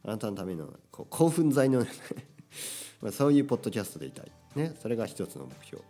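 A man's voice: mid-range voice, sing-song, quick pace, dark tone, soft background music. A Japanese man hosting his own podcast, talking casually and energetically with many little tag questions. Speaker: podcast host teaching Japanese. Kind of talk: casual solo podcast talk.

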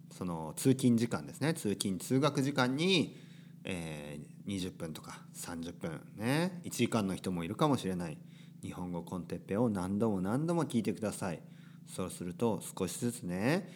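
A man's voice: fairly low pitch, a little hiss or hum. A man in his thirties hosting a Japanese-learning podcast, talking unscripted and rambling off topic at home while the washing machine runs. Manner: rambling, drifts off topic, tags sentences with "ne". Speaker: podcast host teaching Japanese. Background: washing machine running.

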